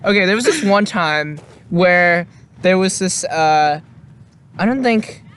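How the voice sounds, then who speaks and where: A man's voice: sits high, animated, takes it slowly, a bit bright, clean tone. A young man co-hosting a casual podcast, telling a story in a rambling way with many fillers and restarts. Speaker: podcast co-host. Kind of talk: casual chat.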